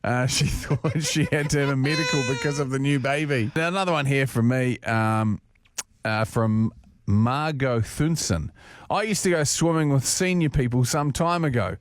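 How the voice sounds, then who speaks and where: A man's voice: medium pitch, moderate pace, no room sound. A man co-hosting a radio show, reading listener stories aloud and giggling as he goes. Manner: animated, giggling reader. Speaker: radio co-host.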